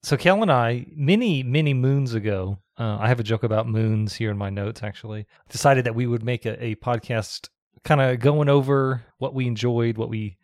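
A man's voice: mid-range voice, moderate pace, darkish tone, no room sound, clean studio sound. A man co-hosting a podcast in casual chat, his face half numb from the dentist. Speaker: podcast co-host.

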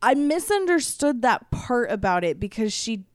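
A woman's voice: fairly high pitch, very animated, moderate pace, no echo, clean studio sound. A young woman co-hosting a podcast, hesitant and repeating herself as she raises a question. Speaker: podcast co-host. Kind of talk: casual chat.

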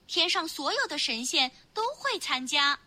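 A woman's voice: sits high, animated, normal speed, bright, forceful tone, voice pushed up, exaggerated voice. A woman voicing two anxious young palace maids in a storybook, speaking in squealing, breathless, worried voices. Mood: polite timid.

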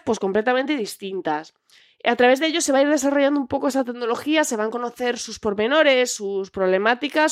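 Woman from spain doing a book podcast, kinda high voice, chatty, lots of little fillers, dry close sound. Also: no echo. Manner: chatty and reflective, with frequent filler words. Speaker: podcast host.

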